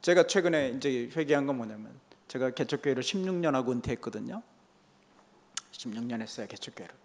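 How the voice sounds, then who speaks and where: A man's voice: medium pitch, expressive, fairly quick. An older male pastor preaching a Sunday sermon, emphatic and repeating key phrases for weight. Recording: reverberant church hall.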